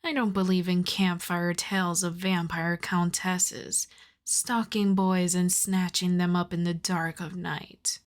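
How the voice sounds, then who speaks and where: A woman voicing a seductive vampire countess keeps her pitch on the low side and her tone level, drawing words out very slowly in an intimate ASMR roleplay. Commanding and amused, she slips from soft voice to half-whisper with a teasing, possessive air, sweetening her commands with endearments over playful menace.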